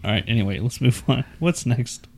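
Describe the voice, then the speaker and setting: A man's voice: medium pitch, lively intonation, brisk, a little mellow. A man in casual chat as co-host of a beer tasting show, laughing easily and stumbling over foreign names.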